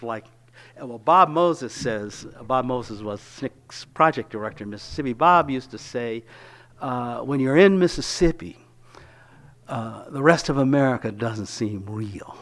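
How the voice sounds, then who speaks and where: An older man giving a reflective storytelling talk, with wry laughs and frequent hesitations. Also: medium pitch. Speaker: lecturer.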